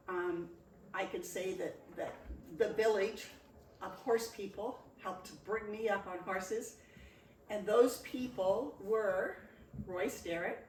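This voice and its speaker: A woman in her sixties from Nova Scotia, presenting her memories in a chatty, wry, self-deprecating way. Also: medium pitch. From Nova Scotia, Canada. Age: 60s. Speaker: presenter at a local history meeting. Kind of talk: casual reminiscing talk. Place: community meeting room. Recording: echoey room, distant mic, faint noise.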